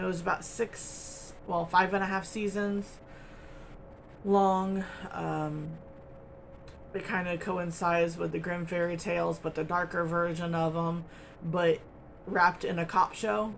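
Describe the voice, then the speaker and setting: A woman's voice: on the low side, creaky, slight background noise. A woman chatting casually to camera as host of a crochet channel, rambling along with lots of ums and little laughs, from home. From United States.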